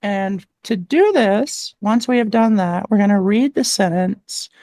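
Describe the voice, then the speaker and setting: A woman's voice: medium pitch, measured pace, dark tone. A woman voice coach explaining exercises patiently and step by step in a live-stream conversation, often filling with "like" and "um", on a desk microphone. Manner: patient, step-by-step, with frequent "like" and "um" fillers. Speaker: voice coach guest. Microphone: desktop mic with adjustable gain.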